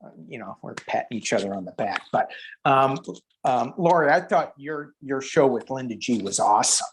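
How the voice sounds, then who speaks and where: A woman's voice: a bass voice, animated, moderate pace, slight background noise. A woman guest in a casual tarot chat, easygoing and enthusiastic.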